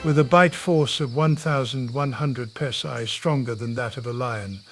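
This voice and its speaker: A man narrating a nature documentary from a script in a dramatic, measured, portentous way. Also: mid-range voice. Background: music.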